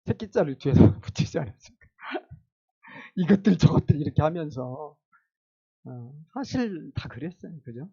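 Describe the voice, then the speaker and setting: A man's voice: on the high side, sing-song, moderate pace, vocal fry, dark tone, husky, lo-fi sound. A male pastor preaching a sermon in a casual, conversational way, asking the congregation questions and chuckling now and then.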